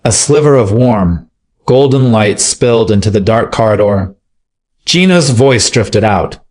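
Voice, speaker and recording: Man reading a story in steady narration. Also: on the low side, a little slow. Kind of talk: scripted narration.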